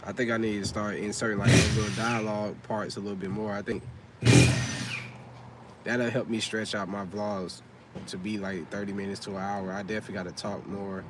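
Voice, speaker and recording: On a livestream, a vlogger in his thirties chats casually in a laid-back, rambling way, packed with fillers and slang. His voice is on the low side with a level tone, he talks fairly quickly, and the audio is very noisy.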